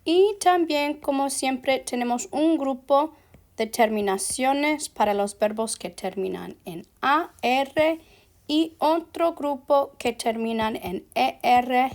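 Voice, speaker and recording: A woman teaching a language lesson, explaining verb endings slowly and deliberately, dropping English fillers like "so" and "ok" between her Spanish. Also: high voice, a little mellow. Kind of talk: slow classroom explanation.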